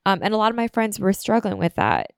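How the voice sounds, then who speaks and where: Sing-song and quick, her medium-pitched voice fills a casual solo podcast she hosts; she's a woman in her twenties, a little congested from a cold, rambling with many fillers. The recording is dry and of studio quality.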